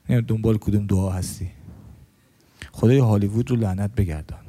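Man preaching a casual sermon. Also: mid-range voice. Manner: storytelling, asks the congregation questions; swings between loud stresses and hushed lines. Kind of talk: colloquial sermon. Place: mosque.

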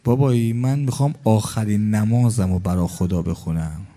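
A man's voice: on the low side, dark tone, voice pushed down, lightly acted. A man voicing a sorrowful holy father tenderly pleading with his son, within a mourning sermon.

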